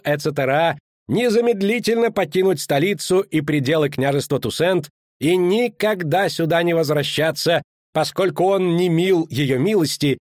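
A man's voice: high voice, a little mellow, dry recording, clean studio sound, voice pushed up, natural voice. A man voicing a fussy, pompous court official who proclaims in a raised voice in an audiobook.

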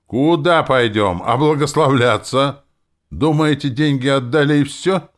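A man's voice: medium pitch, sing-song, normal speed, pitched above the performer's own voice, close to an everyday voice. A man voicing a grumpy, stern older elf architect and father in an audiobook, blustering and formal by turns. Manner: blustering, then solemn and formal.

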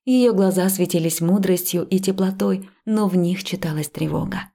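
A woman reading a first-person fantasy audiobook in a calm, even manner. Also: fairly low pitch, normal speed, gravelly. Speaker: audiobook narrator. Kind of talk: first-person scripted narration.

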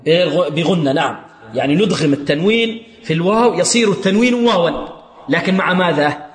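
A man teaching Quran recitation rules, quizzing his students and chanting verses slowly to show each rule. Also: a little high, expressive, echoey room, long reverb tail. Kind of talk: tajweed lesson with sung recitation.

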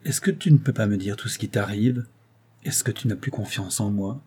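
A man reading the lines of a proud young actress who speaks calmly and curtly. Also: fairly low pitch, moderate pace, slightly rough. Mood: calm cool. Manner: calm, curt.

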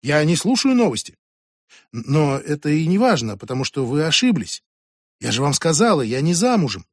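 A man voicing a bewildered young woman who answers in a quiet, flat way. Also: fairly high pitch, moderate pace, no echo, clean studio sound.

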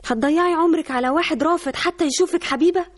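An actress playing a blunt, sharp-tongued young woman with an Egyptian accent in a radio drama. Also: very high-pitched. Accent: Egyptian Arabic. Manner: blunt, quick retorts. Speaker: daughter and fiancée.

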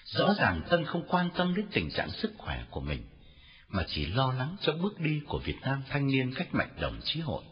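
A man narrating a novel as an audiobook in an expressive storytelling reading. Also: mid-range voice, normal speed. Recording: dull lo-fi recording with faint music.

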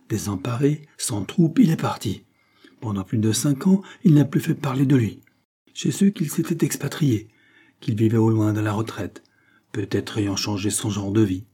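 A shrewd detective chief of middle years, voiced by a male reader, reasons gravely and insistently in this audiobook. His voice sits low and slightly husky, and his delivery is dark and firm. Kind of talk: scripted narration.

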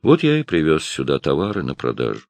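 A man voicing a plain, calm country man who gives short, guarded answers. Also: very deep voice, a little fast, no room sound, full character voice.

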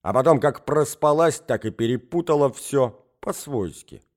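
A man's voice: mid-range voice, animated, normal speed, pitched above the performer's own voice, natural voice. A man reading an audiobook, voicing a dim, self-important middle-aged husband. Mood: pompous.

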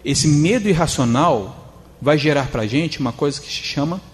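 Homem palestrante num salão com eco longo. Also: male voice, on the high side, lively intonation, normal speed, slightly rough, long reverb tail. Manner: conversational, acts out quoted people in changed voices. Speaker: spiritist speaker. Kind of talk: spiritist lecture.

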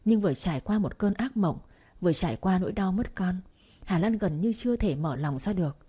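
A woman narrating an audiobook in a calm, steady reading voice. Her tone is low and mellow, with a soft, breathy edge.

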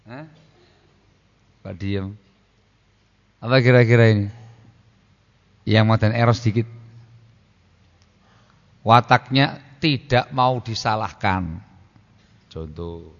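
A man's voice: fairly low pitch, slow, pauses often, long reverb tail, lo-fi sound. A man preaching on marriage to an audience, conversational and prodding them with questions, sometimes acting out what a spouse would say. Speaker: Islamic preacher. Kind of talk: religious lecture on marriage.

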